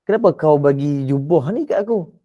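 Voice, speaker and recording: A man's voice: fairly high pitch, lively intonation, moderate pace, dry recording, lo-fi sound, close to an everyday voice. A man voicing a grieving, longing traveller. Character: grieving male traveller from afar, longing and tearful.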